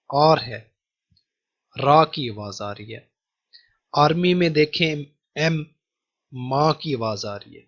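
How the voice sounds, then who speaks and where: A man teaching a grammar lecture with a Pakistani Urdu accent, patiently repeating key rules slowly. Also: fairly high pitch, a bit bright. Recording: dull lo-fi sound.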